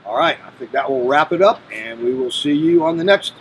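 A man's voice: fairly high pitch, expressive, fairly bright tone, a little hiss or hum, rough recording. Easygoing middle-aged man host. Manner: easygoing, halting with repeated words. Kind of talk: casual interview. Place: outdoor patio by a brick wall.

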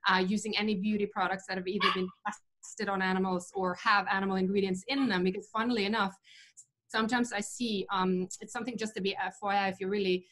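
A woman's voice: medium pitch, fairly even intonation, fast, a bit bright. A woman, a chef speaking as an interview guest over a video call, thoughtful and full of fillers and restarts. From Norway. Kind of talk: casual interview talk. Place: home room indoors.

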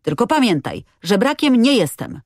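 Voicing a proud, defiant street boy for an audiobook, a woman raises her voice above its natural pitch to a fairly high register. She is very animated, with a darkish tone at normal speed. The sound is clean studio audio with no room sound.

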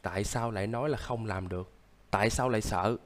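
A man's voice: fairly low pitch, fast, lightly acted. A man voicing a sick young man who acts as a stern, lecturing big brother, coughing now and then, in casual game role-play.

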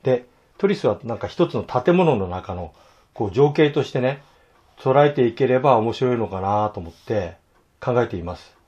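A hoarse man teaching fountain pen illustration, talking to himself in halting asides as he draws. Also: medium pitch, lively intonation, a little mellow, dull audio. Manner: talks to himself while drawing, halting, murmured asides. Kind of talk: casual drawing tutorial.

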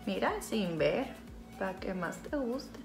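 Music plays behind a Sinaloan Mexican vlogger who takes it slowly through a casual makeup tutorial, joking about herself and teasing someone off camera. Her mid-range voice has lively intonation and some vocal fry, and her Sinaloan Mexican Spanish accent comes through.

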